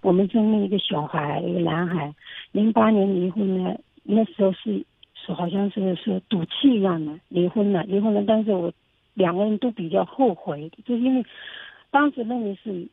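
A woman's voice: medium pitch, moderate pace, gravelly, slightly rough, no echo. A woman calling in to an advice show, speaking hesitantly and often repeating herself. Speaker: caller. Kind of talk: call-in advice talk. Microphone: phone. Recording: phone line.

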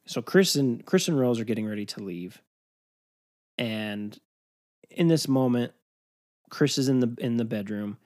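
A man's voice: medium pitch, animated, unhurried, pauses often, a little mellow. A man hosting a podcast, recapping a film in a rambling, casual way with frequent swearing and laughter. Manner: rambling, profane, laughing storyteller. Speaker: podcast host.

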